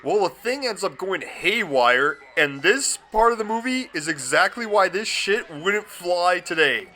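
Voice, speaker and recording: A man's voice: high-pitched, a little slow, noisy background. A man giving a comedic movie review, gushing and swearing often. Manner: profane, excitable and gushing.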